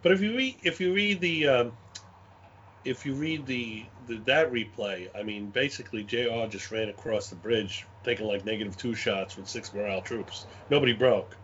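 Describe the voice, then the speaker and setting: A man with a Brooklyn accent chatting casually in an animated, rambling way, often repeating his phrases. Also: mid-range voice, moderate pace, slight background noise. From Brooklyn, New York. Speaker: guest, game scenario designer. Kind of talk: casual chat, anecdotes. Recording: dull lo-fi audio.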